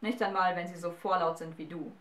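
Ein überheblicher Feuerriese, wie eine Vorleserin ihn spricht, der befiehlt und droht. Der Ton ist herrisch und kalt, die Aufnahme kommt hallig aus etwas Entfernung. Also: female voice, lowish voice, steady tone, a little fast, a bit bright, echoey room, recorded from a distance, lightly acted. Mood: herablassend. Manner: commanding, menacing. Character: fiery male giant ruler, proud and threatening.

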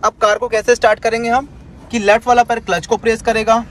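A man's voice: extremely high pitch, flat delivery, fast, soft background music. A man giving a driving lesson from inside a car, talking his student through each step and repeating his commands. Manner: instructive, repeats commands, tags lines with "ठीक है". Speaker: driving instructor.

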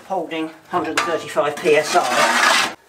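A man's voice: fairly high pitch, fairly even intonation, measured pace. Give me an older man explaining a boiler fire in a noisy engine room. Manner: practical, chatty, technical explanations. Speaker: volunteer boat engineer. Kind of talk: explaining while working. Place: engine room of a steam tug, indoors.

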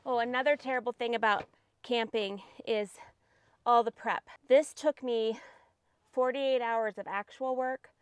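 A woman's voice: on the high side, a little slow, smooth. Dramatic woman joking at a campsite. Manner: chatty, dramatic, swinging from hushed to excited. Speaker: comedy sketch host. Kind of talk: comedic sketch monologue to camera. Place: forest campsite outdoors. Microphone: lapel mic.

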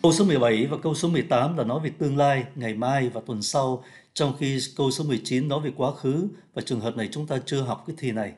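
A man from Vietnam teaching French pronunciation. He reads phrases slowly and clearly, then explains them quickly in a chatty way. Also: medium pitch, a little mellow. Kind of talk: pronunciation lesson.

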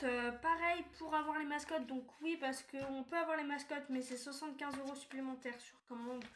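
A woman chatting casually through a review of a collectible doll magazine, hesitant with many fillers and restarts. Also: high voice. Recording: echoey room, faint noise.

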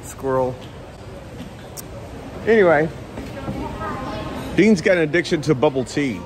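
A man's voice: a little high, animated, slow pace. A middle-aged man chats his way through a casual travel vlog, rambling and restarting as he goes. He holds the camera at arm's length. A faint hum of ambient noise sits under his voice. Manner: chatty, rambling, with frequent laughs and restarts. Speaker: travel vlogger. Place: outdoors in a village and inside a shopping mall. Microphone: handheld camera at arm's length.

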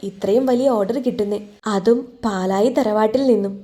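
A woman's voice: medium pitch, moderate pace, close to an everyday voice. Woman voicing a patient, comforting heroine. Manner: gentle, comforting.

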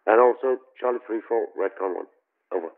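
A man on a tinny helmet radio, using military radio procedure in an online tank game, halting with many fillers between phrases. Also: fairly low pitch, a little hiss or hum. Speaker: tank crew player handling comms. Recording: narrow phone-like radio sound.

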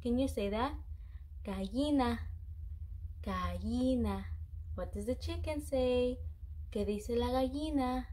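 A woman's voice: on the high side, slow, long pauses, dark tone. A woman in her thirties giving a simple children's language lesson, encouraging as if talking to a toddler. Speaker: bilingual teacher for toddlers. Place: small room indoors.

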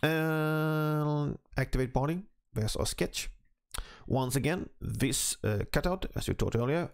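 A man with a slightly rough morning voice, talking through a software tutorial step by step in a relaxed way. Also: mid-range voice. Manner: relaxed step-by-step explaining while clicking. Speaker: CAD instructor. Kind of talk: screen-recorded software tutorial.

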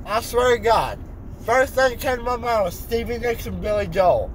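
A man's voice: very high voice, expressive, normal speed. A teenage boy, loopy and groggy after wisdom teeth surgery, rambling insistently and repeating himself in casual chat. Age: teenager, fifteen. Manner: insistent, repetitive, unfiltered. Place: inside a car. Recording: noisy car interior.

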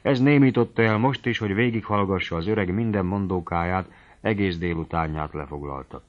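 Male narrator, low voice, measured literary reading, dull lo-fi recording. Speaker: audiobook narrator.

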